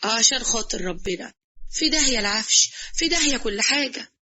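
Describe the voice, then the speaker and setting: A woman's voice: fairly high pitch, lively intonation, brisk, pushed and bright, a little hiss or hum. A woman voicing a fearful, pious middle-aged father with an Egyptian accent. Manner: exclaiming, pious, resigned.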